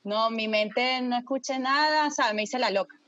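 A woman with a fairly high voice tells a story to friends in a casual, dramatic way. She swears freely and keeps asking whether they follow her. The sound is dry and close, with a slightly dull, lo-fi quality. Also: measured pace, dry recording. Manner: lively, dramatic, swears freely, asks listeners for agreement.

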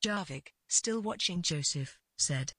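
A woman narrates literary fiction in a measured, scripted delivery, her voice a little low, husky and fairly bright. The sound is dry and close with no echo, and her intonation is lively.

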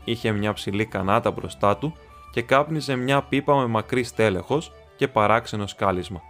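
A man narrating a novel as an audiobook reader, in a steady, even reading. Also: fairly low pitch, faint music behind.

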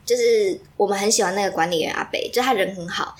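This is a young woman who talks very fast in casual chat. She tells animated stories and fills her speech with plenty of fillers. Her pitch sits in an ordinary middle range. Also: slight background noise. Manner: animated storyteller, heavy use of fillers.

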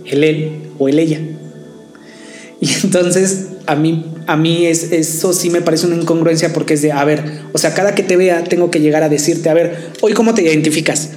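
A man with a slightly high, slightly mellow voice co-hosts a podcast in casual debate chat, hesitating and repeating words as he argues. The recording has a roomy echo with faint music.

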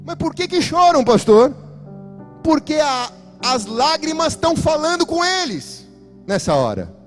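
A man's voice: very high-pitched, very animated, measured pace, faint music behind. A man with a Brazilian Portuguese accent preaching an emphatic church sermon as a pastor, addressing his congregation directly.

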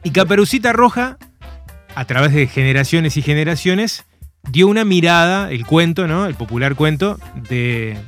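A male radio co-host, tossing in quick jokes during casual talk. His voice sits somewhat high, with faint music in the background. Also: expressive, fairly bright tone. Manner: joking asides, casual chat.

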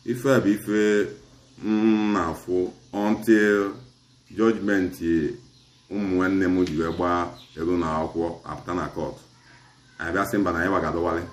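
Recounting a community dispute in long turns, a middle-aged chief from Nigeria switches between Igbo and English, his accent Asaba Igbo. The voice is deep with little pitch movement and a moderate pace. The room sounds spacious, and slight background noise is present.

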